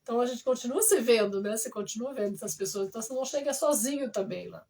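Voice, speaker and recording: Brazilian lady french teacher, kinda high voice, lively storyteller, bit far from the mic. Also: very fast. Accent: Brazilian Portuguese. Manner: lively storyteller who acts out dialogue. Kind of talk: live-stream talk about a course. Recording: voice somewhat distant from the mic.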